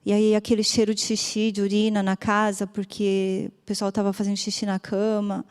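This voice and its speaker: A woman's voice: mid-range voice, monotone, normal speed, darkish tone, smooth. A woman with a Brazilian accent, a doctor telling an emotional testimony in church, her voice swelling and dropping. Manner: emotional storytelling, rises and drops. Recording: long church hall reverb.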